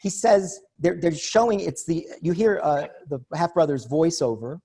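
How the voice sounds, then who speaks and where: A man's voice: fairly high pitch, moderate pace, warm tone, breathy edge. A man hosting a casual film discussion, asking probing, rambling questions.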